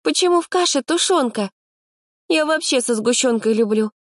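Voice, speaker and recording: A woman voicing a petulant, sharp-tongued young woman camper, whiny and indignant. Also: sits high, lively intonation, moderate pace, no room sound, clean studio sound, voice pushed up.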